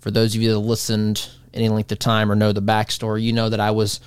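A man's voice: lowish voice, completely flat delivery, fast, clean tone, no room sound. Rambling dry-voiced man in his forties. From United States. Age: 40s. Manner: rambling, conversational, many restarts. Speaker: radio talk show host. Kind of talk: casual monologue.

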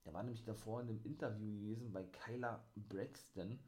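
A man's voice: fairly low pitch, brisk. A man hosting a wrestling review, talking casually and rambling with lots of fillers. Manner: enthusiastic, excitable. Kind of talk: casual monologue recap.

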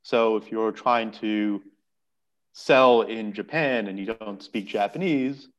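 Speaking slowly in a lowish voice, a man appears as a guest on a casual podcast, and the audio is lo-fi. English is his first language. His manner is earnest and explanatory, and he repeats words while thinking.

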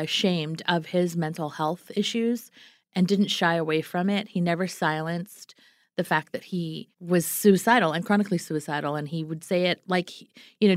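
A woman's voice: on the low side, dry recording, clean studio sound. A woman telling her own story as an interview guest, reflective and earnest. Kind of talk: personal storytelling.

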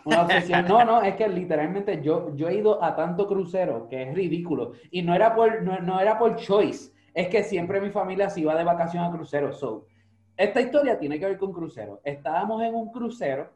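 A man telling a story in a relaxed way on a casual podcast, dropping in English words. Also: high voice, fairly quick. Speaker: podcast co-host. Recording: roomy, dull sound with faint music.

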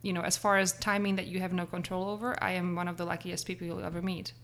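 A woman's voice: on the low side, level tone, fast talker, fairly bright tone. A middle-aged woman from the Czech Republic with a Czech accent, speaking conversationally as an interview guest. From Czech Republic, grew up in Prague. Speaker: interview guest, real estate agent.

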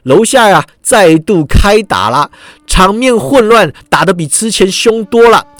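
A man narrates a martial-arts story with animated energy. His voice sits a bit high and rises and falls constantly. He draws out the particles at the ends of his lines. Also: dry recording. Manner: animated, many drawn-out particles.

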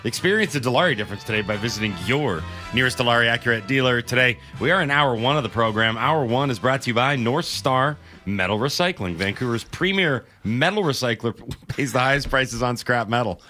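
A man's voice: medium pitch, lively intonation, a little fast, hardly any pauses, bright, forceful tone, soft background music. A man hosting a sports radio morning show, reading the rundown and sponsors with dry banter. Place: radio studio.

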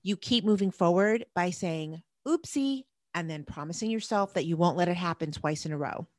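A woman's voice: lowish voice, fairly quick, darkish tone, no echo. A woman co-hosting a podcast, talking in an upbeat, emphatic way. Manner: upbeat, emphatic, wraps up the show. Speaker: podcast co-host. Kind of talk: casual podcast chat.

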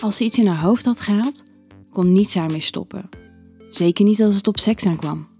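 A woman narrating an erotic audio story in a calm, even storytelling manner. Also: mid-range voice, normal speed, faint music behind.

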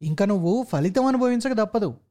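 A narrator playing a stern, quick-tempered middle-aged male office manager who scolds and commands. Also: medium pitch, expressive, mellow, lightly acted. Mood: angry scolding.

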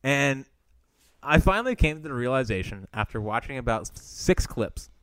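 A man's voice: mid-range voice, lively intonation, moderate pace, fairly bright tone, dry recording. Man, podcast co-host, playful needler; resonant voice, dry sound. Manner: teasing, playful. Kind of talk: casual sports podcast chat.

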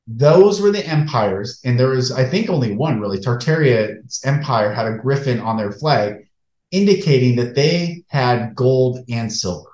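A man speaking to his online viewers in an earnest, preacher-like monologue, with emphatic, deliberate phrasing. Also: mid-range voice. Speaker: online show host. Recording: echoey room, flawed stream audio.

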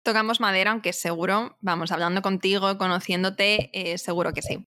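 A woman with a crisp, bright voice interviews a guest. She sounds encouraging and affirming, and her voice is recorded dry and close. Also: mid-range voice, fairly even intonation, a little fast, no room sound.

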